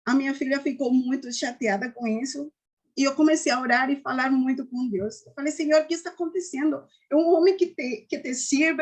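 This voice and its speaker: A woman giving an earnest personal faith testimony, often halting and restarting. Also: high-pitched. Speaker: testimony giver.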